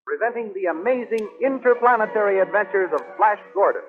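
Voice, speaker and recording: A man's voice: high-pitched, expressive, brisk, over loud music. An American man announcing and narrating in formal, dramatic 1930s radio style, with declamatory delivery. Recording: tinny 1930s radio broadcast recording.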